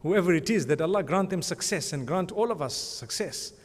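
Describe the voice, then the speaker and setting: Speaking briskly in a high, animated voice, a man gives an awards ceremony speech as he presents an award. The setting is a large conference hall with long reverb, and his delivery is rambling and conversational, regularly punctuated by religious blessings.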